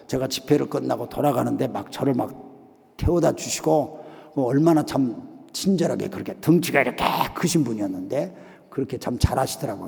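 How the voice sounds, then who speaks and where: A man's voice: medium pitch, gravelly, mellow. A male missionary preacher telling a story in a revival meeting sermon, acting out the voices he quotes. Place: church sanctuary. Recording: long hall reverb of a church sanctuary.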